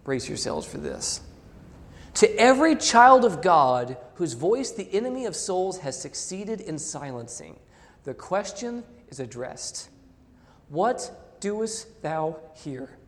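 A male pastor preaching a sermon, reading quotations aloud and swinging between loud emphasis and soft asides. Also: sits high, big pitch swings, a little slow, big-room sound.

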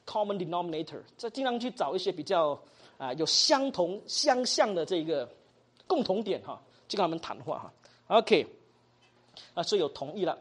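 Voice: mid-range voice, breathy edge. A teacher giving a Bible study lesson, mixing in English words, often asking the class questions and tagging sentences with little particles. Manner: acts out example dialogues.

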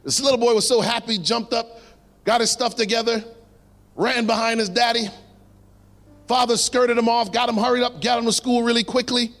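Man, preacher, sermon delivery, dramatic low drops, echoing hall. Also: steady tone, fairly bright tone. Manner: dramatic pauses, drops low on key words. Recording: long hall reverb.

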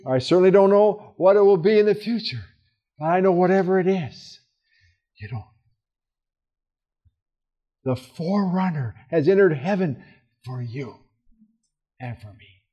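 A man teaching a Bible study in a casual, earnest way, with fillers and restarts, swinging from loud emphasis to soft, quiet asides. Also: high-pitched, expressive, normal speed, long pauses, dull audio. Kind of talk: conversational Bible study talk.

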